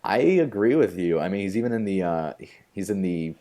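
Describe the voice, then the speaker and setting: A young adult co-hosts a podcast, chatting casually and eagerly about baseball in a rambling way full of fillers. His low voice has a dark tone and lively intonation, and he talks fairly quickly.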